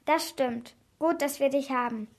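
A woman voicing a calm, kindly male police officer in a storybook reading. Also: high voice, unhurried. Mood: reassuring. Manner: calm, reassuring.

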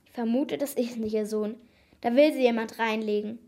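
A woman's voice: on the high side, fairly even intonation, normal speed, warm tone, natural voice. A woman voicing a clever, determined young girl who is investigating a ghost in a storybook.

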